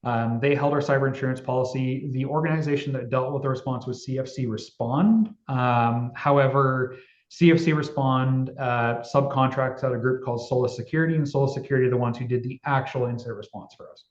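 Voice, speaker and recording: Man, webinar panelist, candid and halting, roomy echo, muffled video call audio. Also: mid-range voice. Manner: candid, halting, searching for words. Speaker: municipal IT panelist.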